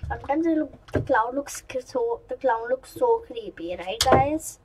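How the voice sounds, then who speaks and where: High-voiced chatty female gamer. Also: measured pace, background noise. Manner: chatty and excitable, rambling asides to viewers. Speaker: gaming channel host. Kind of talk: let's-play commentary.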